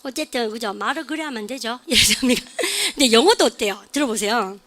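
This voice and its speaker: A woman's voice: on the high side, normal speed, fairly bright tone, slight background noise. A woman with a Daegu Korean accent giving a chatty online English listening lesson and often asking her students questions. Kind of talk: online lecture.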